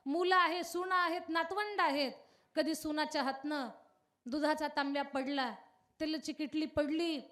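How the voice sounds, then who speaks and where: A woman preaching a devotional kirtan sermon, telling a story and putting questions straight to her audience in an animated way. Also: very high voice.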